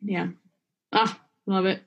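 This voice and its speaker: A woman's voice: medium pitch, flat delivery, slow pace, creaky. Chatty young woman hosting a podcast. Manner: warm-hearted, lots of fillers like "um" and "you know". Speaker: podcast host. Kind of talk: casual faith podcast chat.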